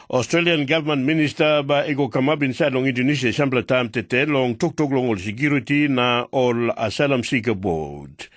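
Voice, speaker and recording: A man reads the news in Papua New Guinea pidgin with a Papua New Guinean accent. His mid-pitched voice follows a script, in a dry, close studio sound. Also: no echo. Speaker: radio news reader.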